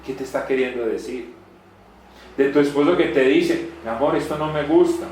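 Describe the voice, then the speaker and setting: A man preaching a sermon, animated, swinging between loud rhetorical questions and soft asides. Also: medium pitch, moderate pace, slight background noise. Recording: very echoey room.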